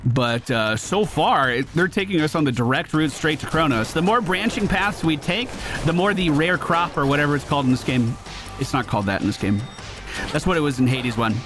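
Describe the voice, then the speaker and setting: A gaming streamer with a brisk, somewhat high voice gives casual, slangy commentary while thinking aloud as he plays, with game music in the background.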